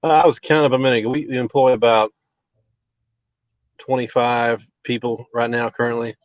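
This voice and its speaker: A man, a restaurant owner, talks in a halting, earnest way full of fillers over a choppy, breaking-up call connection. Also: mid-range voice, little pitch movement, no echo. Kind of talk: live remote interview. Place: outdoors near a relief center. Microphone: video call over a bad mobile connection. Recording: dull lo-fi call audio, very dry.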